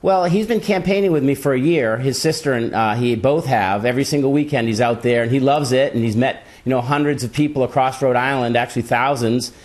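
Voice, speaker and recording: A man's voice: mid-range voice, brisk, hardly any pauses, darkish tone. A middle-aged man answering interview questions as a political candidate, earnest and on-message in a conversational style.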